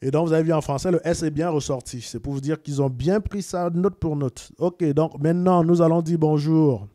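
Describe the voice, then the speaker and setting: A man's voice: on the high side, steady tone, moderate pace, warm tone, no echo, clean studio sound. A man from Cameroon talks casually to viewers, repeating words and sending greetings as he explains. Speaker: video presenter.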